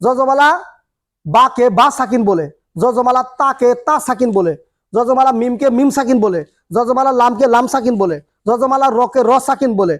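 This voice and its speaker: A male teacher runs a classroom lesson, his voice pitched very high. He drills each rule over and over, putting a question to the class and then answering it himself. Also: normal speed. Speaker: Quran reading teacher. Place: classroom with a board and students.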